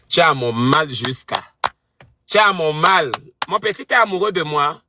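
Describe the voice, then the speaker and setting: A man's voice: a little high, lively intonation, a little slow, background noise. A man hosting a live stream, taunting and mocking a rival in a heated argument.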